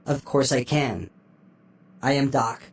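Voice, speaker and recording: Doc, a gentle care robot. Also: mid-range voice, slightly rough. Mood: polite. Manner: courteous, formal, measured. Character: polite computerized doctor robot, calm and helpful. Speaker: infirmary computer.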